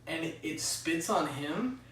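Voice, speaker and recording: A young man telling stories in excited bursts, swearing freely and laughing as he goes. His voice sits a bit high and carries strong room echo. He is well back from the mic, with faint hiss underneath. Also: measured pace. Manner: excitable storyteller, swears a lot, laughs mid-sentence. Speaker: podcast host. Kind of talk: casual chat. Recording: roomy echo, far from mic, faint noise.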